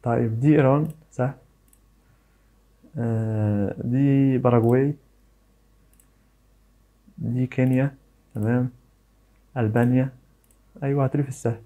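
A man's voice: mid-range voice, fairly even intonation, moderate pace, pauses often, dark tone. A man with an Egyptian accent giving casual commentary, thinking aloud, guessing and teasing himself as he plays a quiz. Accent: Egyptian Arabic. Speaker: YouTuber.

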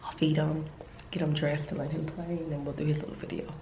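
A woman's voice: low voice, level tone, a little fast, roomy sound, background noise. A woman and mother chatting casually to the camera in a home vlog, rambling with lots of fillers. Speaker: family vlogger and mother. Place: at home indoors.

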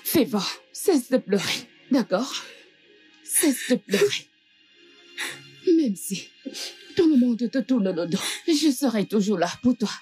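An actress dubbing a loyal friend who slowly consoles a crying woman. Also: on the high side, expressive, mellow, faint music behind. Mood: consoling. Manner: slow, consoling, repetitive. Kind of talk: dubbed film drama.

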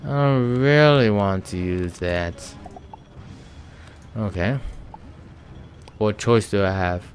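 A man's voice: on the low side, slow pace, slight background noise. A man giving casual let's-play commentary as a gaming channel host, thinking aloud with many ums and sighs.

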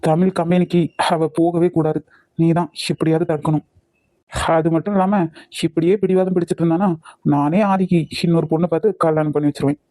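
A man's voice: a little high, steady tone, brisk, mellow, no echo, close to an everyday voice. A man voicing an earnest young man in a cartoon, with a Kanyakumari Tamil accent. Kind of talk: cartoon voice acting.

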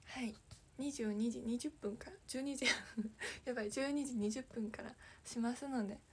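A young woman with a high, light voice chats casually to her livestream viewers, apologizing, laughing and answering comments as they come. A faint hiss of noise sits behind her voice. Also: moderate pace. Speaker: idol livestreamer. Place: small room with echo.

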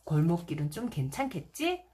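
A woman's voice: fairly low pitch, very animated, moderate pace, dark tone, slightly rough, voice pushed down. A woman voicing an anxious little schoolboy in a storybook, fretting and questioning himself while reading to toddlers. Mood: worried. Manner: fretful, self-questioning. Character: anxious little schoolboy fretting about his new tail.

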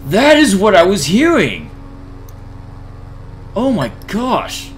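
A man's voice: sits high, wildly swooping pitch, slow, soft background music. A man giving horror game commentary who swears and talks to the monsters. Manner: jumpy, swears and yelps at scares. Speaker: gaming YouTuber.

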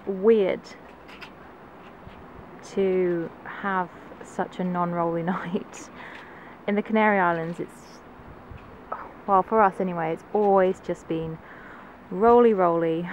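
A woman's voice: fairly low pitch, takes it slowly, pauses often. A woman vlogging casually outdoors on a sailing boat, chatty and laughing as she talks. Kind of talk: casual vlog narration. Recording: noisy open-air deck recording. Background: wind and water noise.

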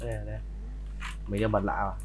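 A man's voice: fairly low pitch, level tone, noisy background. A man, streaming a roleplay game in casual, brash chat and swearing freely. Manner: brash, swears freely, quick to pick arguments.

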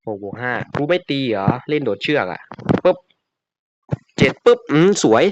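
Excitable man commenting on a game. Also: medium pitch, moderate pace, dull audio, background noise. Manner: excitable, frequent yelps and exclamations. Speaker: gamer.

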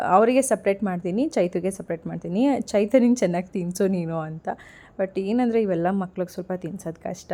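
A woman's voice: lowish voice, mellow. A woman with a Kannada accent, chatting casually to her viewers in a home vlog about family, shopping and heading out to the market. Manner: chatty, addresses viewers as friends. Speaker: vlogger.

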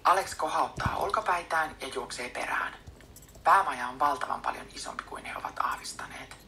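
A woman reading a book aloud in a soft, unvoiced whisper, as an audiobook reader. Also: low-pitched.

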